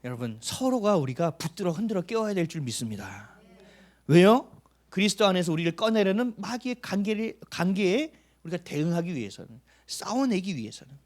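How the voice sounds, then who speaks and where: A man preaching a sermon as pastor, asking the congregation questions and answering them himself, sometimes dropping to a hushed near-whisper for emphasis. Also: high-pitched.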